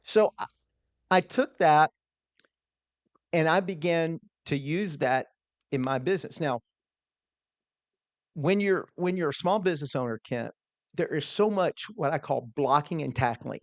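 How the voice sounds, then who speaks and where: Middle-aged man, podcast guest, earnest storytelling, slightly high voice, dry close mic. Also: measured pace, pauses often, no echo. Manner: earnest, with frequent restarts and repeated words. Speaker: guest, small business owner. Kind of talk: conversational storytelling.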